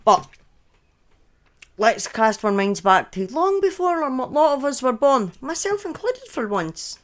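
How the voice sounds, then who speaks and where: Sitting high in pitch and very animated, this woman's voice never rushes. In her thirties and Scottish-accented, she relaxes into true crime tales on a live stream, often drifting into chatty asides and correcting herself.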